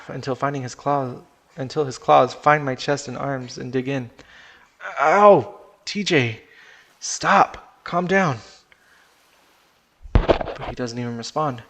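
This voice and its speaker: A man's voice: medium pitch, a bit bright. A man reading a first-person story aloud on a stream, casual in tone, swearing now and then and restarting sentences.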